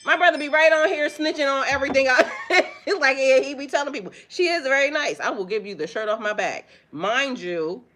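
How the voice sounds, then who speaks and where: Her voice sits high and moves fairly quickly, with slight background noise, as this spiritual reader hosts her vlog. A mother, she addresses viewers directly in a loud, animated, profane and chatty manner, laughing frequently.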